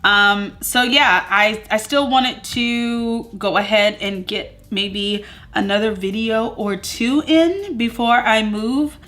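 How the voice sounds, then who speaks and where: A chatty woman in her thirties hosts a relaxed beauty vlog from her home. She talks in an upbeat, rambling way, leaning on filler words as she goes. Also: fairly high pitch, slow pace. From Southern US. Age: 30s. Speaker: beauty vlogger. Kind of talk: casual chatty get-ready-with-me vlog. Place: at home among moving boxes.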